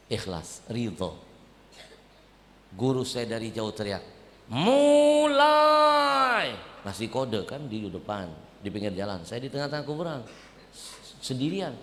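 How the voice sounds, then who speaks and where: A man's voice: on the low side, a little hiss or hum. Man preaching in an echoey hall. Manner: animated, comic storytelling. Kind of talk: storytelling sermon. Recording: echoey hall, faint ambience.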